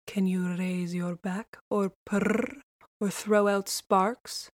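A smug storybook tomcat speaks slowly and softly, drawing out his words with lofty disdain, as a woman puts him on. The sound is dry and close-miked. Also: medium pitch, flat delivery, dry recording, lightly acted. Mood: condescending. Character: proud tomcat, master of the house.

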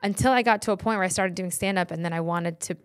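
A woman's voice: fairly low pitch, fast talker. A young woman comedian from the United States with a Valley girl accent, chatting casually as a podcast guest, telling stories full of "like" and acted-out quotes. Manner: animated storyteller, acts out quotes, frequent "like". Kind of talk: casual chat.

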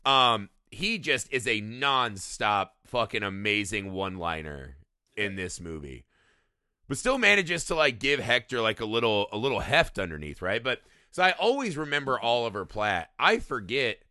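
A man's voice: fairly low pitch, sing-song, moderate pace, pushed and bright, no room sound, clean studio sound. A man co-hosting a podcast, chatting casually about a movie, swearing freely and tagging "right?" onto his points. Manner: swears a lot, says "right?" often. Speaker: podcast co-host.

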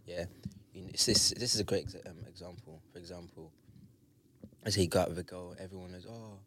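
A man's voice: sits low, fairly even intonation, fast talker, fairly bright tone. A young man with a London roadman accent, a podcast co-host telling anecdotes in casual slang. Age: young adult.

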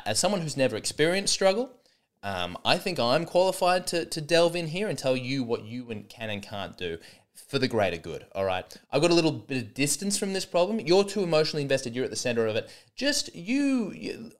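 Very animated and moving at a moderate pace, a man in early adulthood hosts a solo comedy podcast full of rambling, dry sarcasm and false starts. His pitch is an ordinary middle one for a man, yet it leaps up and down as he talks.

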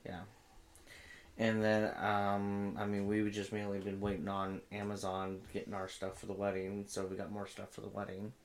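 A man's voice: lowish voice, monotone, normal speed. A man co-hosting a podcast, chatting casually with dry teasing remarks. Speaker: podcast co-host. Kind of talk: casual chat.

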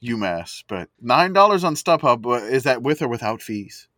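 A man recording a casual sports chat podcast in a closet speaks with a medium-pitched, bright, forceful voice and a sing-song lilt at normal speed. He rambles chattily with lots of fillers, and the closet gives a dry, close sound.

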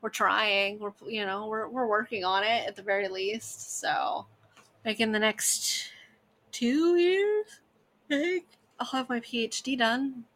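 A woman's voice: on the high side, unhurried, a bit bright. A woman in her thirties chatting casually with friends, rambling with lots of fillers and laughter. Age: 30s. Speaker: dungeon master. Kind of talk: casual chat among friends.

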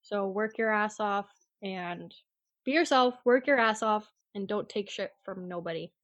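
The recording is muffled, without echo, and the woman speaks at a medium pitch and a somewhat slow pace. A real estate agent in her twenties, she answers interview questions bluntly and casually, acting out quotes and often saying "like."

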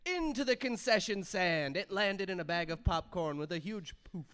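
A man playing an excited ringside storyteller, giving punchy, dramatic comedy narration of a boxing match. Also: sits high, normal speed, smooth.

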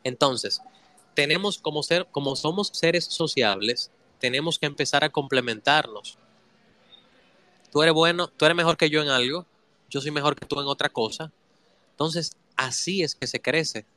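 A man's voice: on the high side, moderate pace, sharp tone, no echo. A man giving a motivational talk, emphatic and asking his listeners rhetorical questions. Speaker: motivational speaker.

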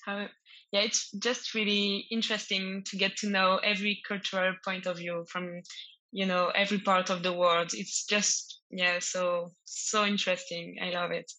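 Bright-voiced French woman, hesitant English. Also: mid-range voice, little pitch movement, moderate pace, low-quality recording. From France. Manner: hesitant English, searching for words with fillers. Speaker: podcast guest.

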